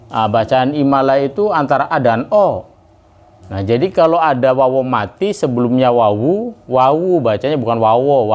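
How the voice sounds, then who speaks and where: A man teaching Quran recitation to a class, speaking casually between verses and drawing the recited words out slowly. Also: medium pitch, darkish tone. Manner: casual explanations in between, calls the class to repeat.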